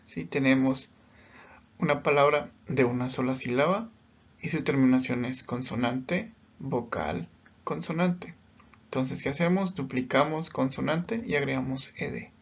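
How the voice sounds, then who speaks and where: A man's voice: mid-range voice, a little slow, slightly rough, muffled recording. A man teaching English grammar in a recorded lesson, patient and step by step, often checking in as he explains.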